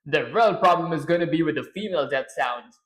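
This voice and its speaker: A man's voice: a little high, fairly quick, rough recording. A man on a live stream chatting casually to himself as he works, his throat strained and feeling lightheaded. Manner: mutters to himself while working, relaxed. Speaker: livestreaming game developer.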